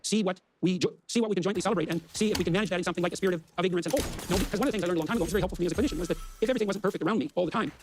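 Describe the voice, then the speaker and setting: A man speaking in a measured, lecturing way as a guest on a stage discussion. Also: high-pitched, a little mellow, slight background noise. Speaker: panel guest.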